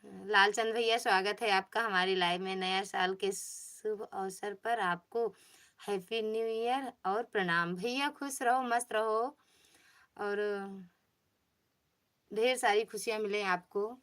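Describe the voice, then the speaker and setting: A woman's voice: mid-range voice, steady tone, slow, fairly bright tone. A woman host, chatting casually on a phone livestream, greeting viewers by name and coaxing them. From Pratapgarh, Uttar Pradesh. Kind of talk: casual livestream chat, reading viewer comments.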